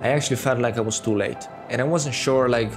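A YouTuber in his thirties with a Serbian accent delivers a casual talking-head monologue to camera in a small room at home, speaking close to a studio mic on a boom arm. His mid-range voice moves fairly quickly over music, and his candid, conversational manner is full of fillers.

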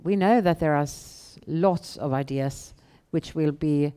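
A woman's voice: low-pitched, measured pace, mellow, smooth. Middle-aged woman with a Swedish accent. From Sweden. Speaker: guest, bank founder and chief executive. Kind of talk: answering questions in a live on-stage interview. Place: indoor event room on a small stage. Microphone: headset.

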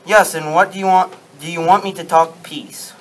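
A man's voice: sits high, steady tone, normal speed, fairly bright tone. A young man voicing a proud Confederate statesman in an amateur sock-puppet show, with stiff, recited lines. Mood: proud, earnest. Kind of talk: amateur puppet-show role-play, scripted. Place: darkened room with projection screen, puppeteers low at front.

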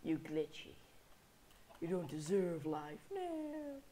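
Here a gameplay commentator, a young man with a head cold, talks slowly in a somewhat high, sing-song, mellow voice. He rambles, keeps correcting himself, and gets mock-angry at the enemies, with a little background noise audible.

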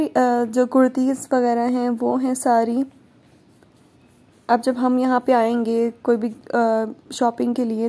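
Brief: young woman vlogger from Pakistan, slightly high but mellow voice, chatty and joking, on a phone camera in a supermarket. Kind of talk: casual vlog narration. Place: large supermarket, indoors.

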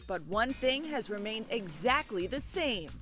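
A woman's voice: a little high, sing-song, unhurried, fairly bright tone. A woman in her thirties, a TV reporter narrating a bubbly, playful feature story. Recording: music bed underneath.

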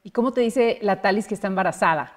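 A woman hosts a relaxed interview. She reacts with quick interjections and asks casual questions in a mid-pitched voice. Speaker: interview host.

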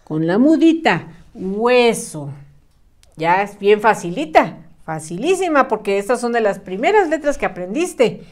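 A woman's voice: medium pitch, big pitch swings, measured pace. A woman teacher giving a patient writing lesson to young children, encouraging them and sounding words out syllable by syllable.

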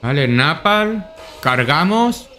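A young man with a Spanish accent from Spain talks through a game as he plays, swearing often and muttering to himself. His voice sits high and leaps up and down, with a bright, forceful edge. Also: sing-song, slow, faint music behind. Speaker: gameplay streamer. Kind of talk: casual gameplay commentary.

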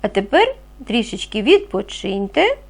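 A woman teaching a reading lesson to young children, speaking clearly and patiently, asking them questions as she goes. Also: mid-range voice, big pitch swings, measured pace. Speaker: primary school teacher.

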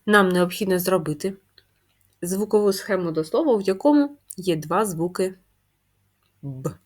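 A woman's voice: medium pitch, animated, a little mellow. A woman teaching a first-grade handwriting lesson, patiently asking questions and answering them herself. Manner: patient, drawn-out, answers her own questions. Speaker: primary school teacher. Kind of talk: slow, clearly spelled-out handwriting lesson.

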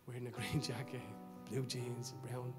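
A middle-aged man with a Dublin accent, a pastor telling a story in a sermon, swinging between loud excitement and low, hushed confiding. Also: a little slow, music in the background. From Dublin, Ireland. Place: church service.

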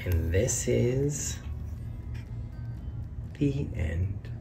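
Reading a children's picture book in a sing-song style, a man raises his voice on each question and reveal, his tone low-ish, gravelly, animated and very slow. The camera points down at the book as his hands work the pages. He's recorded from a distance over music.

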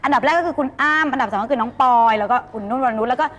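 A woman's voice: fairly high pitch, racing, fairly bright tone. A woman co-hosting a playful chat show, teasing and quizzing her partner in a jokey way. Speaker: co-host.

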